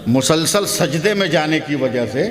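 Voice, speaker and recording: A man giving a humorous sermon at a public gathering, telling a story and acting out the dialogue, often rising to shouts. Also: on the high side, lively intonation, measured pace. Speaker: Islamic preacher. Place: large hall at a public gathering. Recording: long hall reverb with loud crowd.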